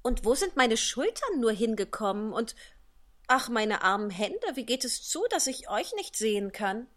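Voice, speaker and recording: A man's voice: very animated, moderate pace, a bit bright, full character voice. A man voicing a polite, puzzled little girl in a storybook reading. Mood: bewildered. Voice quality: high, timid.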